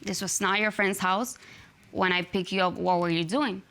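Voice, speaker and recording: A young woman from Cuba, a Spanish native speaker with a Cuban accent, testifies conversationally as a litigant in a TV studio courtroom. Her mid-range voice is steady and sharp, moving at a moderate pace.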